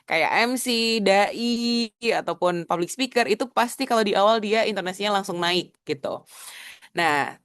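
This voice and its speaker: A woman's voice: medium pitch, measured pace, a bit bright, clean tone, no room sound, clean studio sound. A young adult woman, a public speaking coach, teaching a casual webinar lesson over a video call. She mixes in English phrases and demonstrates vocal techniques.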